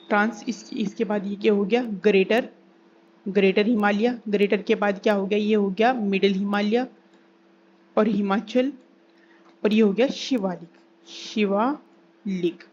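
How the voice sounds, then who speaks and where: A woman's voice: mid-range voice, darkish tone. Woman teaching, repeating key terms. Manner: repeats key terms slowly, asks and answers own questions. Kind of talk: exam-prep geography lesson. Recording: slightly dull recording with faint hiss.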